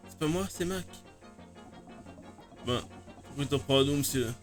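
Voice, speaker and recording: A man voicing a pair of whining, hungover male drinking brothers in a high voice. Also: measured pace, soft background music, natural voice. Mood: whiny. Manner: whining, panicky.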